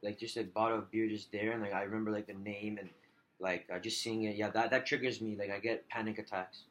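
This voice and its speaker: A man playing the client in a role-played telephone counselling conversation, talking haltingly with many fillers. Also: fairly low pitch, level tone, a bit bright, highs cut off. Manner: halting, hesitant, heavy use of filler 'like'.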